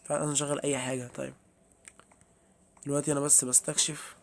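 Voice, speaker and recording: Flat and fast with some vocal fry, this young man's mid-range voice carries an Egyptian Arabic accent over slight background noise. He streams a horror game, chatting to his viewers and startling easily.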